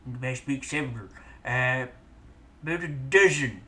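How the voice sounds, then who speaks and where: Bright-voiced male game master, halting delivery. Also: mid-range voice. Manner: halting, many fillers and restarts, relaxed chuckles. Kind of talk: narrating a tabletop game.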